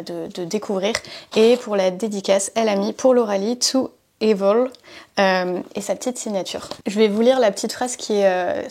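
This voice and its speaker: Mellow-voiced French woman chatting about books. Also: mid-range voice. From France. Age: late 20s. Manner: chatty, many fillers, reads quotes aloud. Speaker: bookseller and book vlogger. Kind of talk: casual book haul vlog.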